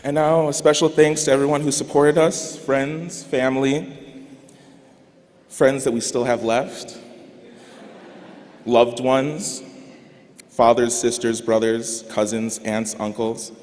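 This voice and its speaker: A young man giving a commencement speech on behalf of his graduating class, earnest and deliberate, with emphatic rises. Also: medium pitch, steady tone, a little mellow, a little hiss or hum. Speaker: graduating student speaker. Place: large arena. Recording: reverberant arena PA sound.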